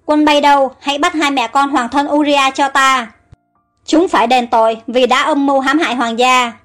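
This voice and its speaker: A woman voicing a commanding, wrathful older king in an audio storybook, in a high voice. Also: moderate pace, soft background music, natural voice. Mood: furious.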